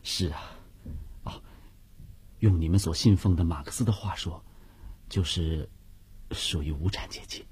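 A man's voice: sits low, a little slow, pauses often, darkish tone, slightly rough, exaggerated voice. An actor playing a mild-mannered middle-aged prison clerk and father from Nanchang, talking politely and easily. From Nanchang, China. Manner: polite, easygoing. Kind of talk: radio drama acting.

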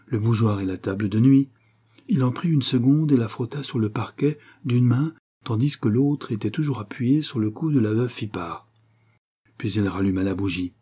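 A man narrating a novel as an audiobook, in a measured, even storytelling manner. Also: fairly low pitch, breathy edge.

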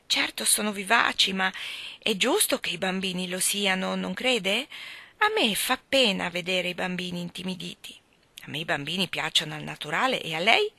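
A woman's voice: lowish voice, lively intonation, normal speed, gravelly, sharp tone, dry recording, full character voice. Woman reading as a gushing fussy mother. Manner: gushing, breathless chatter. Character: fussy doting widowed mother, chatty.

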